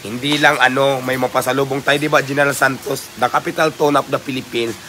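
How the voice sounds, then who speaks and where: A man hosting a casual vlog tour of an outdoor animal park, talking with excitement and cooing baby talk at the animals. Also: mid-range voice, fairly quick. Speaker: vlogger host. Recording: loud outdoor noise with birds.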